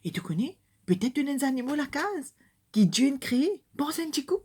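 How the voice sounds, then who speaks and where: An older woman with a Mauritian Creole accent, telling a Bible story to children, animated, dropping to hushed whispery asides and rising to loud calls. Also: sits high, a little fast.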